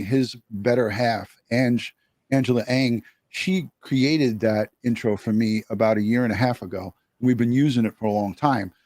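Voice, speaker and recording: A male live-stream host, chatty and casual, reading out viewer comments. His pitch is mid-range for a man. The sound is dry and close, with no room to it. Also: a little mellow, dry recording.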